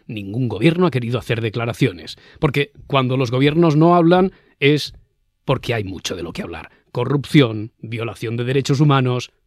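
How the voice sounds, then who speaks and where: Speaking at normal speed in an expressive, darkish mid-range voice, this man with a Castilian Spanish accent hosts a podcast. His presenting of the discussion show is scripted and articulate in radio style, with a faint music bed and no room sound.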